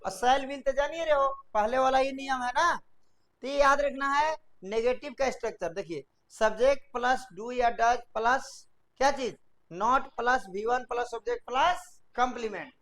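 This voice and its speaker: A woman teaching English grammar in a video lesson, drilling students to repeat rules aloud and dictating sentence structures slowly, word by word. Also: high voice, a bit bright. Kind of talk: classroom-style video lesson.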